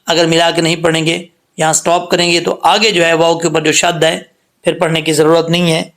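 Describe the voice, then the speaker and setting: A man's voice: on the high side, completely flat delivery, a bit bright. Patient man teaching Quran recitation rules. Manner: patient, repeats points, drawn-out sung demonstrations of sounds. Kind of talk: tajweed lesson, explaining and demonstrating letter sounds.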